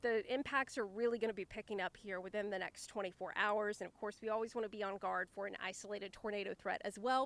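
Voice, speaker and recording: A woman's voice: medium pitch, fairly bright tone. A woman meteorologist giving a live outdoor weather report in a chatty, conversational way with informal asides. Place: outdoors, riverside park.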